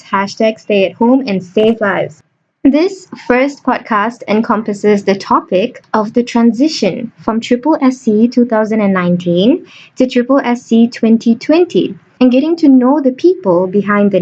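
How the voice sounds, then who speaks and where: Recorded at home with dull lo-fi quality, a young adult woman with a fairly high, slightly mellow voice hosts a student podcast. She keeps the interview bubbly, jokey and theatrical.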